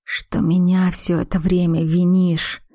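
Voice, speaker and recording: A woman voicing a stern, sharp-tongued older mother who speaks slowly and bluntly, as a read audiobook. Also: fairly low pitch, little pitch movement, dry recording, studio quality.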